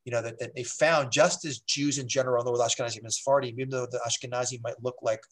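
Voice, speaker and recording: On an interview show, a rabbi with an ordinary, steady, medium-pitched male voice explains history in an easygoing, rambling way. He restarts sentences, fills pauses with fillers, and wanders into side stories before returning to his point.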